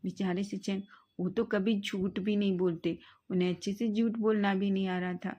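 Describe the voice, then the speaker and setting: A woman retelling a romance fan fiction story in a casual, animated way. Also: mid-range voice, moderate pace, muffled recording.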